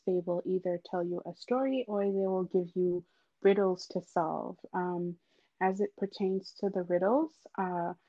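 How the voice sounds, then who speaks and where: A woman from Haiti, a podcast guest, introducing herself in a casual, earnest way with frequent pauses. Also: fairly low pitch, a little mellow, no echo, lo-fi sound.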